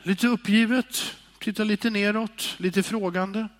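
A man preaching a sermon in a high-pitched voice. His delivery is expressive, rising to loud calls and dropping to sighing, near-whispered words. The sound carries a long reverb from a church hall.

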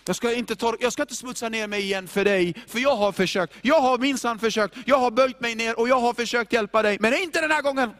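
A man's voice: very high-pitched, hardly any pauses, a bit bright. A preacher acting out an exasperated fed-up man. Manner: exasperated, slangy, raised voice. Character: fed-up man giving up on a sinner.

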